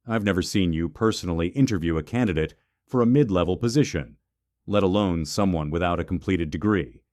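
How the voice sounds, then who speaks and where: A man reading the part of a careful female assistant who raises concerns with her boss, speaking in a measured, respectful way. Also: sits low, darkish tone, dry recording, clean studio sound, lightly acted. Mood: concerned. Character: assistant warning her boss, cautious woman.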